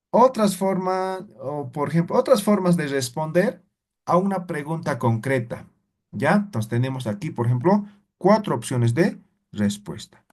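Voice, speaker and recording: Slow, patient male teacher with a lively voice. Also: on the high side. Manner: patient, checks in with frequent tag questions; repeats each example word slowly. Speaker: language teacher. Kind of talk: live class explanation.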